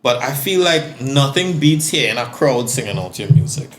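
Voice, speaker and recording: A man's voice: mid-range voice, expressive, normal speed, slight background noise. A Trinidadian man, a guest singer-songwriter, talking casually on a podcast and telling stories with frequent stammered restarts.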